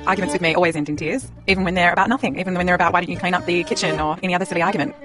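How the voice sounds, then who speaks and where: Fast-talking candid woman, music behind. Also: on the low side, steady tone. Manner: candid, self-deprecating. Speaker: interviewee sharing a story. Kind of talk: personal anecdote.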